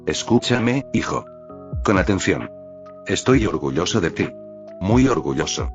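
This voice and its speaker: Low voiced guy narrating a fanfic, calm and steady, kinda dull lo-fi sound, quiet music under it. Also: unhurried. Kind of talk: first-person fan fiction reading. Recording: dull lo-fi audio with faint music.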